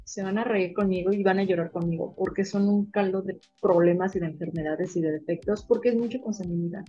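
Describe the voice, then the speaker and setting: A woman with a Mexican accent, a veterinarian guest in an interview, telling her stories in an animated, emotional way. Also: medium pitch, brisk, husky, highs cut off, soft background music. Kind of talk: casual interview storytelling.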